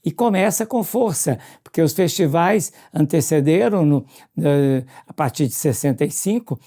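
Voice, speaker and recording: With a mid-range voice and a Brazilian accent, a radio presenter drifts through casual reminiscences told in a vivid, storytelling manner, often putting questions to whoever is listening.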